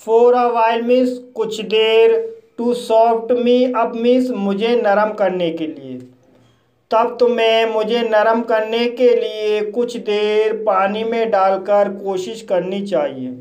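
A man teaching an English story word by word, giving each word's meaning in a slow, deliberate dictating manner. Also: sits high, fairly even intonation, a little mellow. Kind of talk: slow word-by-word translation lesson.

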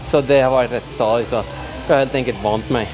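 A sore, exhausted young man chats haltingly in a big indoor gym, his words full of fillers. Music plays clearly behind him. He speaks at a middling pitch into a handheld mic. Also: fairly even intonation, rough recording. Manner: tired, halting, many fillers. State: sore and worn out. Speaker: vlogger. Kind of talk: casual vlog chat. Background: music playing.

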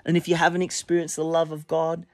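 A man preaching a sermon, telling a personal story with an animated delivery and a voice that jumps up when he quotes people. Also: fast talker, no room sound. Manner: animated storytelling, voice rising high when quoting.

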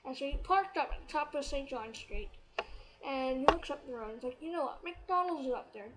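Excitable woman, high-pitched, casual vlog storyteller. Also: fairly quick, heavy background noise. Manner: excitable, chatty, quotes others as she retells. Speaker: vlogger.

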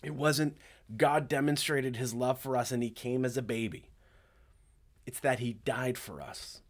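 A direct, conversational male preacher. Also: medium pitch. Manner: direct, conversational preaching with frequent "okay" check-ins. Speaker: pastor. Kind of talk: sermon.

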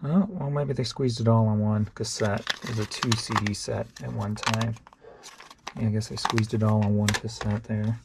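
Very noisy audio surrounds a man with a lowish, gravelly voice that barely moves in pitch, spoken at a moderate pace. He's an online reseller doing a casual show-and-tell vlog. Rambling and offhand, he thinks aloud while sorting tapes for resale.

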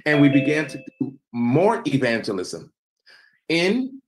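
A young man from the US leads a slide-based evangelism seminar on a video call. His voice is sing-song, emphatic, measured and preacherly, fading in pitch and loudness as phrases end, with slight background noise on a low-quality recording.

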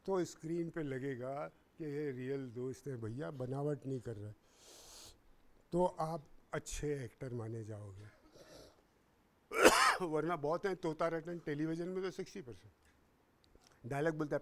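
A man giving a lecture on acting to students, animated, talking to the audience directly and acting out examples. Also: a little high. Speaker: acting teacher at a seminar.

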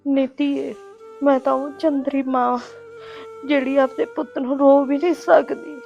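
A woman's voice: high-pitched, little pitch movement, a little slow, vocal fry, a little mellow, dull audio, soft background music. An actress playing a grieving mother who weeps and consoles her family in a short drama. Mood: tearful. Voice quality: tearful, wailing lament. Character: grieving middle-aged mother, tender and weary. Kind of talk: emotional village drama acting.

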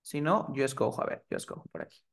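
A man's voice: medium pitch, big pitch swings, fast talker, creaky, slightly rough. A man teaching English in a live online class, often asking the students if they are following. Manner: asks the class frequent checking questions.

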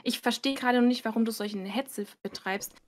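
A woman streamer speaking in a game voice chat, trying to stay calm and mediate an argument. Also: fairly high pitch, fairly quick. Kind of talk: out-of-character argument.

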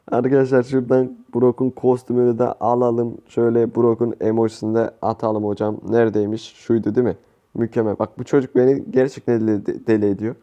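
A man giving casual, excitable gameplay commentary as a gaming YouTuber, slangy and quick to plead with or curse at his teammates. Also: medium pitch, muffled recording. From Turkey.

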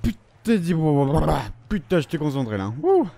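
A man giving live commentary over his gameplay, ranting and swearing in frustration, then talking himself back into calm. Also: a little high, measured pace, creaky. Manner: profane, frustrated ranting that swings between outbursts and calming himself. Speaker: gamer recording his gameplay.

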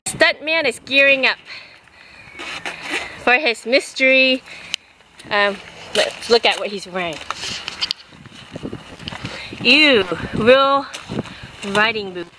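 Higher-voiced woman doing a playful outdoor vlog, lots of noise behind. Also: slow, long pauses. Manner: playful, laughing, repeats what she's told. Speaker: vlogger. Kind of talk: casual outdoor vlog chat. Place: outdoor yard by a container and gate. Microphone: handheld camera.

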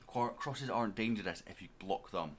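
A man with a low, deep voice commentates a management game in an easy let's-play style. He chats directly to his audience and to the players on screen in a relaxed, conversational way. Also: normal speed, slight background noise. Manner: chatty, talks straight to viewers and to his players. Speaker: gaming YouTuber.

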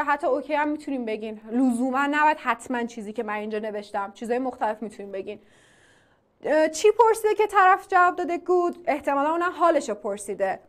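A woman teaching an online English class. She asks the class questions, answers them herself and repeats English phrases slowly for drilling. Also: high-pitched. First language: Persian.

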